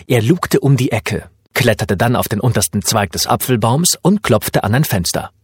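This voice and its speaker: Male audiobook narrator, husky, animated delivery, dry close recording. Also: mid-range voice, moderate pace, no echo. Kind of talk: audiobook narration of a children's story.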